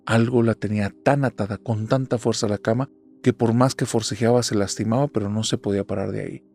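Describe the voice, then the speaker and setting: A man's voice: on the low side, fairly even intonation, fast, gravelly, a little mellow. A man narrating a horror story in a suspenseful, dramatic telling. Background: faint music.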